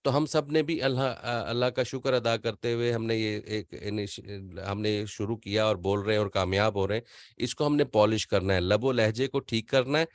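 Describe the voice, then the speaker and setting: A man's voice: on the low side, steady tone, dry recording, studio quality. An older man whose first language is not Urdu gives an online voice-over class, earnest and rambling. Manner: earnest, rambling, drops into quick impressions. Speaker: voice-over teacher.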